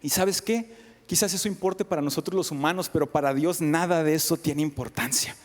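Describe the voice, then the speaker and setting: A man's voice: fairly high pitch, a little fast, big-room sound. A man preaching a sermon, retelling a scripture story in second person with dramatic swings, sometimes dropping to a whisper. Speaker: pastor. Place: church sanctuary.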